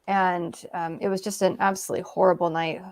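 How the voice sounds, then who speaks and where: A woman's voice: fairly low pitch, flat delivery, brisk, a little mellow. Woman guest rambling through her story, lots of um and like, does little voices for quotes. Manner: chatty, many fillers, acts out quoted remarks. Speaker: guest author. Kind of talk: casual interview storytelling.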